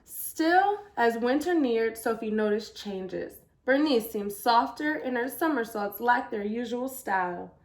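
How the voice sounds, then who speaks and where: Female picture-book storyteller, higher-pitched, animated intonation, deliberate emphasis. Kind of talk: children's picture book read-aloud.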